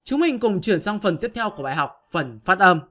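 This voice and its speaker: Bright-voiced male teacher explaining. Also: sits high, sing-song, a little fast. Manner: patient, step-by-step explanation addressing pupils. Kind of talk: online grammar lesson.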